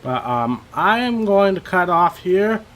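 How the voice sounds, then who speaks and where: A young man giving casual, rambling commentary over his racing game, a little hoarse and self-deprecating, with many fillers. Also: high voice, sing-song, slow, fairly bright tone. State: slightly losing his voice. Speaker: gaming channel host.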